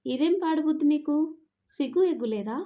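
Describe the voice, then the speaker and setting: A woman's voice: high voice, a little fast, dark tone, pitched above the performer's own voice, close to an everyday voice. A woman voicing a timid young college girl. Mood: indignant. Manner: stammering, pleading. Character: timid young woman student, easily frightened.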